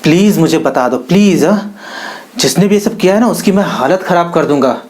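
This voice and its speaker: A woman's voice: fairly low pitch, lively intonation, brisk, darkish tone, natural voice. A woman voicing a battered, frantic man who tells in a panic how a crowd mobbed him. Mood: indignant. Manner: panicky, exasperated storytelling.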